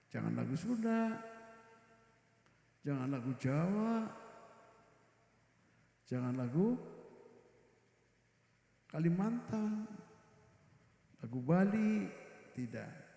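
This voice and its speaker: A man's voice: mid-range voice, creaky, dark tone. A middle-aged man, teaching Quran reading to a women's gathering. He stresses his points by repeating them and now and then asks the audience questions. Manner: emphatic, repeats key phrases, chats with the audience. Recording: very echoey hall with long reverb.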